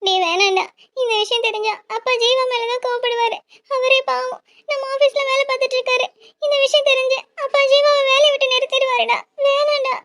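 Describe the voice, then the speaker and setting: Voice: very high-pitched, level tone, brisk, a bit bright. A performer voicing a young woman in a cartoon, a lovesick younger sister who pleads in distress. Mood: crying. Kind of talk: cartoon voice acting.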